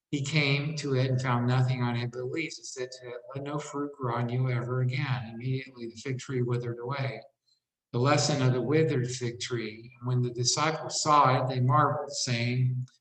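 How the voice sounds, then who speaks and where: A man reads scripture aloud at a steady, measured pace, his voice sitting at an ordinary middle pitch. The room adds a noticeable echo around his words. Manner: steady, measured reading with brief asides. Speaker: scripture reader. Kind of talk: plain Bible reading aloud. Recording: roomy echo.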